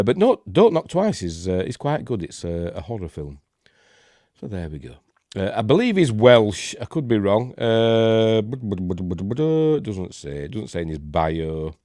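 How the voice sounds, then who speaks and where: A Yorkshire man hosts a rambling live-stream film review, sounding congested and snuffly from a cold. His voice is low and mellow, and he hesitates a lot with many fillers. The studio-quality recording has no echo.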